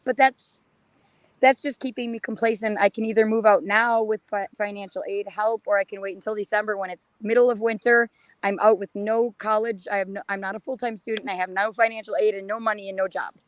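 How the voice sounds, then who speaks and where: A young adult woman chatting casually as a caller, her voice hoarse and raspy as if she is losing it. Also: medium pitch, fairly even intonation, fairly quick, dry recording. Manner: raspy, strained talk. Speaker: caller, college student. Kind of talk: casual chat. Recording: dull lo-fi online audio.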